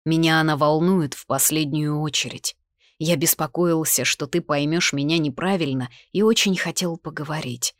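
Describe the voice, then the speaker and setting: A woman reading the lines of a calm, caring young male mage in an audiobook, in an even, reassuring tone. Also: a little high, normal speed, slight background noise, natural voice. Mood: earnest.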